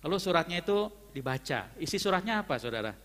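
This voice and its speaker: A man's voice: on the high side, sing-song, fast, fairly bright tone. A man preaching a fervent sermon and telling a story, often calling out to his listeners as brethren. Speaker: pastor. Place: church hall. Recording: long church-hall reverb.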